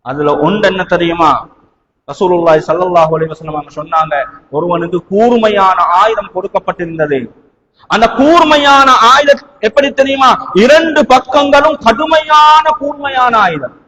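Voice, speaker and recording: A man with a Sri Lankan Tamil accent preaches an impassioned Islamic sermon in Tamil with Arabic quotations, in a large, echoing mosque hall. His voice sits high at a moderate pace, using rhetorical questions and emphatic repetition and swinging between hushed and raised delivery. The recording has long hall reverb and noticeable background noise.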